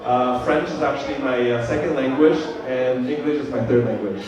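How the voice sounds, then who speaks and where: Speaking in a mid-range voice, a man in his fifties, born in Vietnam and a native Vietnamese speaker, hosts a birthday and addresses the crowd of guests. His speech stumbles with fillers and restarts, and the far-off mic catches the echo of the big party room.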